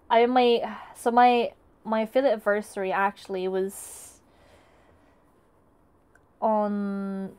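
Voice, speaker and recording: Speaking in a slightly high, darkish, clean voice, a young arts and crafts streamer chats casually with her live audience while crafting. She greets viewers and frequently starts her sentences over.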